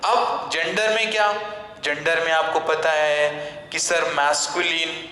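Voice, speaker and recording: A man's voice: a little high, takes it slowly, bright, forceful tone. A male teacher with an Indian English accent gives an online grammar lesson. He quizzes his students, answers for them and repeats the key terms. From central India. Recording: echoey room with long reverb.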